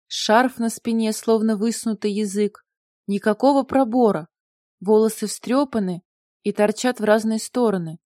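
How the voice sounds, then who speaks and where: Warm-voiced woman narrating an audiobook. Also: medium pitch, dry recording, studio quality. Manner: lively, wry storytelling. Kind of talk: scripted narration.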